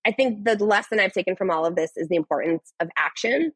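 A young adult woman speaking as a podcast guest, earnest and animated, often restarting her sentences. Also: medium pitch, fast, breathy edge, dry recording, low-quality recording. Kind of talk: casual interview conversation.

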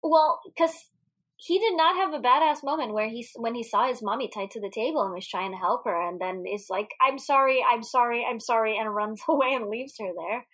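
A woman co-hosting a podcast in casual film chat, animated, laughing often and swearing freely. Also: a little high, fairly quick. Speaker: podcast co-host. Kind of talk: casual movie discussion.

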